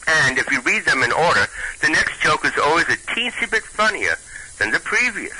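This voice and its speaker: A storyteller and stand-up comic with a Brooklyn accent reads a comic tale aloud, chatting haltingly with many restarts. His voice is fairly high and very animated, and the recording is very noisy.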